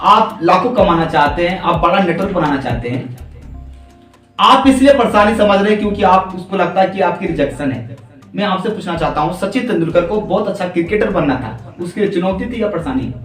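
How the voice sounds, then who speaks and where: A man's voice: sits high, animated, brisk, a bit bright, far from the mic. A man answering interview questions on direct selling in a preachy, motivational way, full of rhetorical questions and stories. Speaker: direct selling leader, guest. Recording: echoey room, voice from afar, faint music.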